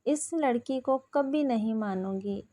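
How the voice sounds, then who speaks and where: A woman's voice: on the high side, dark tone, natural voice. A woman reading as a scolding, scheming mother. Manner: reproachful, scolding. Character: domineering middle-aged mother, bitter and scheming.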